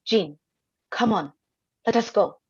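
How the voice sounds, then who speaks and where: A woman in a live script reading, playing a calm, firm, reassuring mutant heroine. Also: medium pitch, takes it slowly, husky, highs cut off, full character voice.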